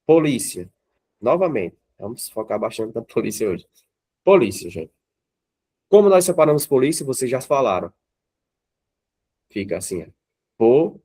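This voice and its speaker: A man's voice: medium pitch, big pitch swings, normal speed, pauses often, dark tone, slightly rough. Brazilian male teacher, mid-range voice, runs a live class and keeps asking the students questions. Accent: Brazilian Portuguese. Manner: checks in with the class often, asks the students questions. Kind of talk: classroom grammar lesson.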